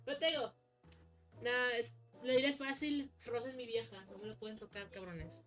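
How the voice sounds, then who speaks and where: A woman with a Mexican accent chatting casually as a streamer, excitable, slangy and rambling as she comments on a game. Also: fairly high pitch, normal speed, soft background music.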